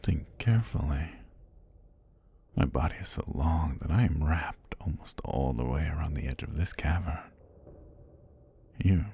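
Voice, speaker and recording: A man voices an ancient giant serpent god in an ASMR fantasy roleplay, using a full character voice pitched extremely low. It's husky, breathy and gravelly, and his speech is languid and sinister: formal, amused and softly menacing.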